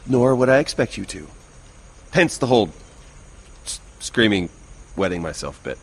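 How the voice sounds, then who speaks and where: A man's voice: on the low side, very animated, moderate pace, husky, full character voice. An actor playing a panicky, awkward, self-deprecating young man in a video game, stammering and rambling. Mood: sheepish.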